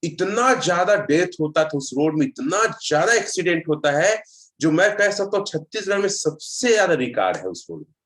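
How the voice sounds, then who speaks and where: A man, pitched a little high, leads a relaxed online road safety session. He rambles through personal stories and reads out viewer comments as he goes. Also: normal speed. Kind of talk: casual online session talk.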